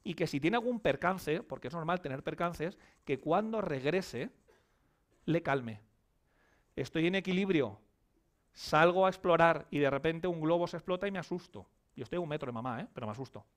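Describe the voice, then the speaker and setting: A man's voice: on the high side, expressive, moderate pace. A man giving a conference lecture as a psychologist, emphatic, asking and answering his own questions. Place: conference hall.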